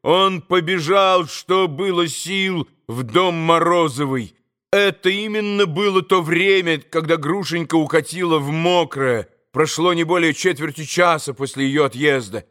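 A man narrating a classic novel as an audiobook, measured and expressive. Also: a little high.

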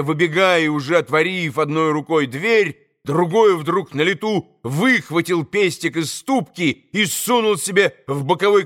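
A male audiobook narrator with a fairly high voice reads a classic novel. His storytelling is measured and expressive, steady through the long sentences.

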